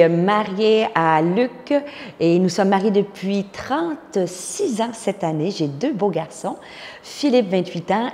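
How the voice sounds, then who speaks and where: A pastor and speaker from Quebec, Canada, a woman in her fifties with a Québécois French accent, earnestly shares her personal testimony with frequent fillers. Her voice is on the low side and darkish, and the sound has a big-room quality.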